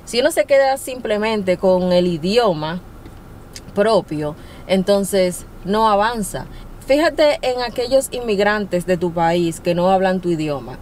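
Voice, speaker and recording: A woman's voice: medium pitch, animated, unhurried, a little mellow, a little hiss or hum. A young adult woman giving casual, encouraging language-learning tips as a vlogger, often laughing as she talks. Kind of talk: casual to-camera advice talk.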